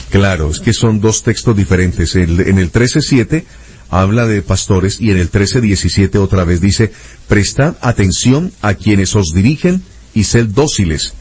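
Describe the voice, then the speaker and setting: A man's voice: sits low, darkish tone, husky. A man interviewing a guest, reading Bible verses aloud and looking up references as he goes. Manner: methodical, reads verses aloud while searching references. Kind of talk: reading scripture aloud in conversation.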